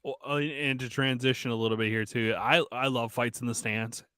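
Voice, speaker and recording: A man's voice: mid-range voice, fairly even intonation, fairly quick, a bit bright, smooth, dry recording, studio quality. A man co-hosting a sports betting show, talking in loose, profane, laughing banter. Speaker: co-host. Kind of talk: casual sports betting chat.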